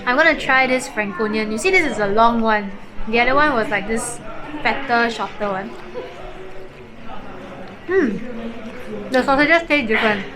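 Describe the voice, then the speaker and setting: A woman's voice: fairly high pitch, brisk, crowd noise, rough recording. A woman narrating a casual travel vlog outdoors, chatty and explanatory with lots of filler words like "so" and "like". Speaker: travel vlogger.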